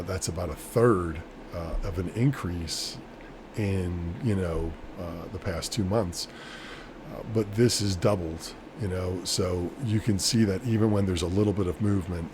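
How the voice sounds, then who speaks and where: A man with a fairly low voice talks casually to his viewers as a solo vlogger. He rambles in a matter-of-fact, unscripted way. Clear background noise runs behind his voice. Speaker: vlogger, small-scale crypto miner. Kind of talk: casual off-the-cuff solo chat.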